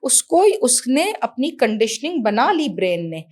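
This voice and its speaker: A woman in her fifties from Pakistan, an education professional talking as a guest in an interview, animated and motherly, slipping English phrases into her speech. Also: fairly high pitch. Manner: animated, mixes in English phrases, calls the host "son". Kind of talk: casual interview conversation.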